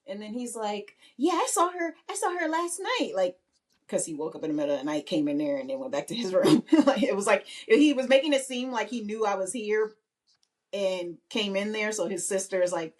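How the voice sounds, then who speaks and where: A woman's voice: mid-range voice, fairly quick, a little mellow. A woman in her thirties, a podcast co-host, chatting casually and telling stories with frequent laughs. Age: 30s. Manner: chatty storytelling, laughs often. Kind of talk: casual chat.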